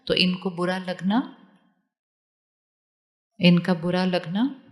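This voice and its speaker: Woman spiritual teacher, slightly low voice, calm and repetitive, questioning the audience. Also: slow pace, in a large hall. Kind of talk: spiritual talk to a live audience.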